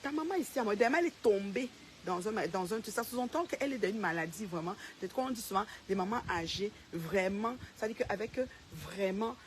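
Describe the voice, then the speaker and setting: A woman's voice: medium pitch, a little hiss or hum. A woman ranting straight to the camera, calling out a rival by name and repeating her points with confrontational emphasis. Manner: confrontational, addresses a rival directly and repeats herself. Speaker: social media personality. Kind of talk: direct-to-camera rant.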